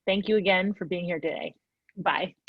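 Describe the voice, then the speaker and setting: A woman's voice: on the low side, normal speed, no echo, dull audio. A woman moderating a panel discussion, guiding questions and responding appreciatively.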